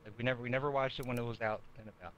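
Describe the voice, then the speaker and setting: A man's voice: medium pitch, fairly even intonation, very fast, a bit bright, dull audio, slight background noise. A man in his thirties chatting casually on a podcast and telling jokey stories in a teasing manner. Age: 30s. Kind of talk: casual chat, joking anecdotes.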